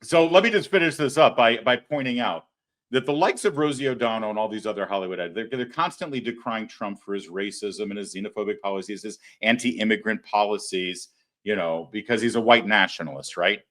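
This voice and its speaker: A man's voice: fairly low pitch, a little fast, a bit bright. A man hosting a political talk show, sarcastic and mocking, laughing at his own jokes. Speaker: show host. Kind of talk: opinionated political commentary.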